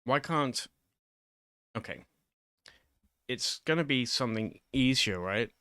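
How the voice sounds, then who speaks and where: A man with a medium-pitched, expressive voice, pushed and bright yet smooth, takes his time giving an off-the-cuff lesson as an online video host. He's near the microphone, and there's no room sound. His delivery is hesitant, rambling, and self-deprecating.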